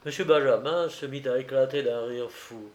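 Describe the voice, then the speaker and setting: A man narrating a classic novel in a measured storytelling manner. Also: mid-range voice. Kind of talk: audiobook narration.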